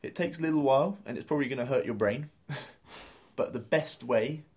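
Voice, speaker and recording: A man's voice: mid-range voice, fairly quick, a little mellow. A man hosting a language lesson, explaining step by step in an upbeat way and laughing easily. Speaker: language course host.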